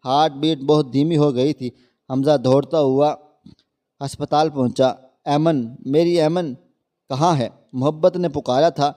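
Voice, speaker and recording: A man's voice: fairly high pitch, dark tone. A man narrating an emotional moral story in an earnest, scripted reading.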